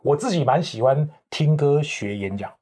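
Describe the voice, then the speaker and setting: Man, 50s, husky voice, lecturing, expansive, interview guest. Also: a little high, expressive, normal speed, mellow. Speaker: guest, professional speaking coach. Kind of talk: interview, explaining with examples.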